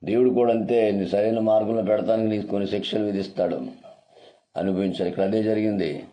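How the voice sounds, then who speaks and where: A man preaching a sermon in a deep, very dark voice. He drives his points home with repeated phrases and rhetorical questions. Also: fairly even intonation, quick pace. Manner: emphatic and repetitive, with rhetorical questions. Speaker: pastor.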